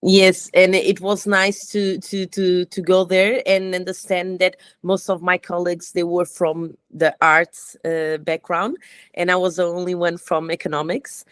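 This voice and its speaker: A Portuguese-accented woman speaks English as a guest on an interview podcast. Her voice is low, and she talks haltingly, restarting her sentences often. The recording is dry and close. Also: little pitch movement, a bit bright, clean tone, no echo. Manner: hesitant, many fillers and restarts. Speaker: guest, fashion entrepreneur.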